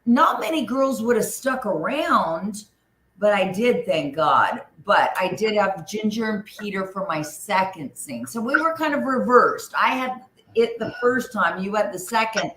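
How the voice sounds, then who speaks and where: A woman's voice: mid-range voice, lively intonation, measured pace, a bit bright. A woman co-hosting a podcast, reminiscing in a chatty, casual way. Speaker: podcast co-host. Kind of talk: casual chat. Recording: echoey room, faint background noise.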